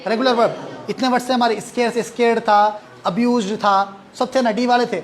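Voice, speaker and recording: A man's voice: extremely high pitch, steady tone, fairly quick, some chatter behind. A male English teacher, giving a classroom lesson. He drills words, repeats them and asks the class questions. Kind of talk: classroom lesson mixing English and Hindi-Urdu.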